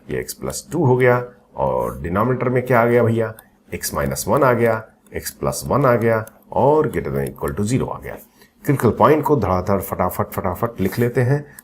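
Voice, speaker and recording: A man teaching maths in a recorded coaching lecture, chatty and lively, asking the class questions and joking, mixing Hindi with English terms. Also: lowish voice, a little hiss or hum. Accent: Hindi-English code-mixing.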